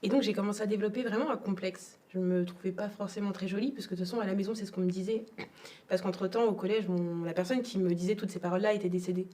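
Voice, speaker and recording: Speaking fast in a mellow, medium-pitched voice with a steady tone, a young adult woman from Togo shares her personal story as an interview guest. She is reflective and hesitant, repeating words and pausing often, and the mic is distant.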